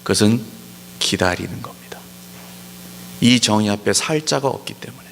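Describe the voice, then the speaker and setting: A man preaching a sermon as pastor, pressing his points with emphatic rhetorical questions and slowing down to stress key words. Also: fairly low pitch, lively intonation, gravelly, fairly bright tone, slight background noise. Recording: long hall reverb.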